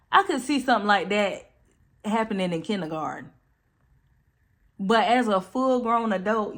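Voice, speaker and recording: A woman reading forum posts aloud in a calm voice, then reacting with blunt, sassy commentary. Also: mid-range voice. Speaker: storytime channel host.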